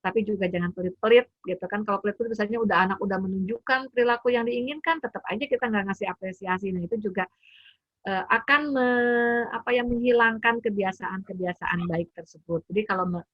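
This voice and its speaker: A woman's voice: medium pitch, steady tone, quick pace, no room sound, lo-fi sound. A woman, a parent, giving an informal webinar talk from home, chatty with many fillers and acted quotes of parent and child. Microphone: computer mic on a video call.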